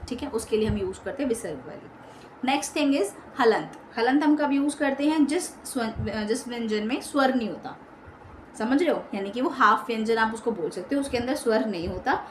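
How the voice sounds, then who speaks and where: High-voiced woman teaching in an echoey room. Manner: explains patiently, checks in with "ठीक है" often, mixes English words. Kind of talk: online grammar lesson. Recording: echoey room, faint background hum.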